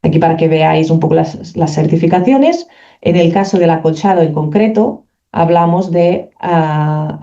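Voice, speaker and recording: A speaker giving a technical presentation for a company, explaining carefully while often pausing to search for words. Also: mid-range voice, warm tone. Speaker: company representative presenting a product. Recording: dull lo-fi recording.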